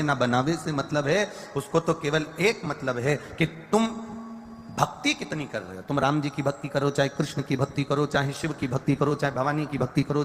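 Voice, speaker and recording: A man giving a devotional sermon, preaching emphatically in long repeated lists with rising stressed lines. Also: medium pitch. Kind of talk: Hindi religious discourse. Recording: reverberant hall with faint ambient noise.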